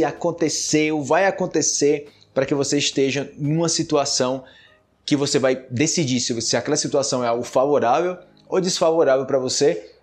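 With a mid-range voice and a Brazilian Portuguese accent, a man from Brazil runs a casual one-person podcast for learning Portuguese. He chats easily, often tacking on tag questions, and becomes lively, his pitch climbing sharply, when quoting others.

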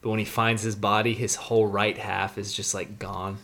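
A man's voice: on the low side, flat delivery, normal speed, a crowd in the background. A man co-hosting a podcast with a stuffed-up nose, thinking aloud hesitantly in casual chat. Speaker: podcast co-host.

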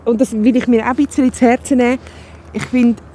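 Guest, Swiss German woman, rapid candid chat, outdoors with faint traffic. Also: on the high side, steady tone, warm tone. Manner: fast, candid, thinks aloud with restarts. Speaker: guest, new mother. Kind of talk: casual chat on a walk. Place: outdoors on a walk in town.

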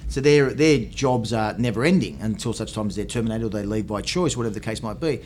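A man's voice: lowish voice, fast, a little mellow, slight background noise. A middle-aged man with an Australian accent hosting a podcast interview, wordy and given to rephrasing himself. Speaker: podcast host. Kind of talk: conversational interviewing.

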